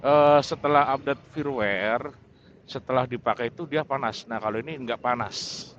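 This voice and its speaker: A motovlogger reviewing his camera talks in a mid-range, fairly bright voice at normal speed, hesitant and rambling, repeating himself in unscripted vlog chat. He's on a wireless mic through his helmet intercom, so the sound is muffled, with vehicle and road noise clearly audible.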